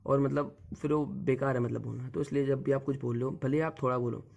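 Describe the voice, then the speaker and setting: A man's voice: mid-range voice, fairly even intonation, fast talker, creaky, a little mellow. A young man coaching viewers on group discussions in a casual, direct way, often repeating the same filler word. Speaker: exam coach giving tips. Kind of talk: casual spoken lesson.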